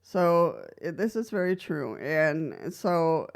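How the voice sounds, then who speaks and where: This Costa Rican woman talks slowly in a low, gravelly voice that swings widely in pitch. As a wheelchair user, she's casually explaining practical advice from her own experience to the camera, vlog-style. Between points she laughs lightly, often picking back up with "so."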